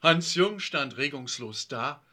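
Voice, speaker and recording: A man reading a children's story aloud with expressive narration. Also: medium pitch, slow.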